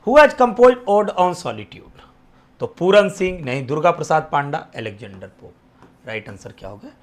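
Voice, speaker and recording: With a high-leaning voice, big swings in pitch, and a moderate pace, a Bihari Hindi-accented man teaches exam prep. He keeps quizzing students, throws their answers back as questions, and almost whispers the answers.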